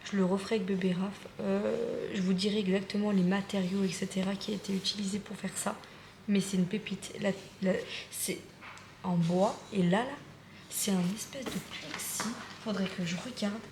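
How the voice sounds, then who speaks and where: Young woman vlogger, excited and rambling, filmed on a phone in an echoey home with noise behind. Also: medium pitch, moderate pace. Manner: chatty, enthusiastic, repeats herself with many fillers. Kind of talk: casual vlog chat. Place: at home, indoors. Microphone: phone or camera close by. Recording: echoey room with background noise.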